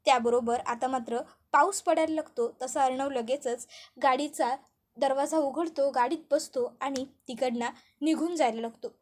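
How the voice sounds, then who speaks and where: Woman narrator, high voice, dramatic serial-episode retelling. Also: normal speed, a little mellow. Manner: storytelling, repetitive linking phrases.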